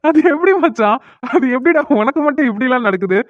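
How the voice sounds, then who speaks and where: A woman's voice: high-pitched, quick pace, noisy background. Woman playing a teasing young best friend. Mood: gleeful teasing. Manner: mocking, amused, excitable. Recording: dry, tinny phone-like audio.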